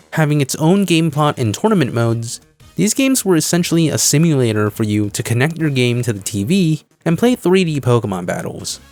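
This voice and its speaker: Over background music, a video creator reads his scripted essay commentary in an explanatory style. His voice sits at medium pitch with a touch of mellowness, and he stresses key phrases to drive points home.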